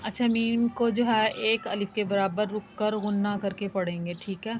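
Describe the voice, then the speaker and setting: Female teacher with a Pakistani Urdu accent, mid-pitched, drawn-out chanting drills, slight background hiss. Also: flat delivery. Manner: chants syllables slowly, then explains quickly. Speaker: Quran reading teacher. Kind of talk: recitation lesson.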